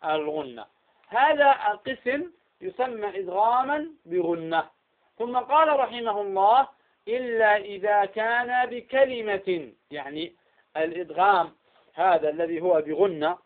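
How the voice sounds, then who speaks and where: A man teaching Quran recitation rules, constantly asking quiz questions and answering them himself. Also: sits high. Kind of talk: tajweed lesson. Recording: tinny phone-like line.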